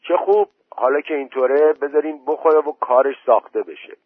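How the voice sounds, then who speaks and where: Guy voicing a mocking young villager, scornful, husky, tinny phone sound. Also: fairly high pitch, dry recording, voice pushed up.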